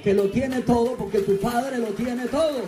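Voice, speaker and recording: Man preaching, high voice, fervent, shouting bursts, echoey hall, music behind. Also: normal speed, far from the mic. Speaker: pastor. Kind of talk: sermon.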